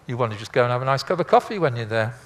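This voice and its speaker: Rapid-fire and animated, the mid-range voice belongs to an older man, a former air traffic controller. He gives a loose, talkative illustrated lecture full of stories and dry humour.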